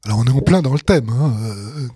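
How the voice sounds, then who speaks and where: A radio host introduces songs in casual on-air commentary, sounding hesitant and amused, with lots of fillers and restarts. His medium-pitched voice is slightly rough and dark in tone, with lively intonation and a fairly quick pace. The recording is clean studio sound with no room echo.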